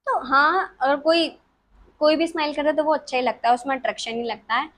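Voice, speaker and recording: A woman's voice: high-pitched, fairly quick, fairly bright tone. A woman of twenty, chatting casually as a vlogger answering follower questions in her bedroom, giggly and self-mocking. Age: 20s. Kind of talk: casual chat.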